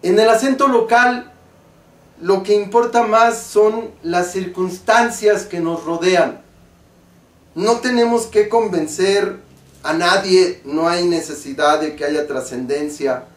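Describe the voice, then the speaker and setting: A man with a Mexican accent, an acting teacher explaining stage diction slowly and deliberately. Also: sits high. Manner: slow, deliberate, carefully articulated explanation. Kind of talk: spoken lesson on stage diction. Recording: roomy, from a distance.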